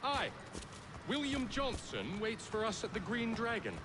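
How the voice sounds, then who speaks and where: An eager young servant answers in formal, respectful period speech. His voice sits high. Clear street sounds run under this game cutscene. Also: sing-song, unhurried, background noise, exaggerated voice. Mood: deferential. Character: young male eager, deferential loyal servant. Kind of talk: video game cutscene dialogue.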